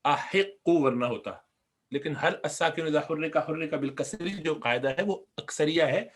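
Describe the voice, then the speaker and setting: A man with a Pakistani Urdu accent teaching Arabic grammar in a recorded lesson, explaining patiently, repeating words slowly and putting questions to the class. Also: a little high.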